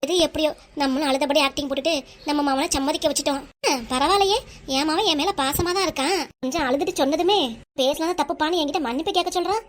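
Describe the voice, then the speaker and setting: Brief: a woman as a plotting, whiny cartoon mother, Tirunelveli Tamil accent, high and quick. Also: natural voice. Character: scheming middle-aged mother who fakes crying. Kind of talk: cartoon voice acting.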